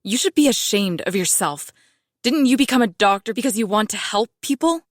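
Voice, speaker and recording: A man's voice: sits high, expressive, a little fast, no echo, studio quality, pitched above the performer's own voice. A man voicing a fierce, ruthless young blonde woman in an audiobook, cold and threatening as she swears. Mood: furious. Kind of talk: audiobook narration.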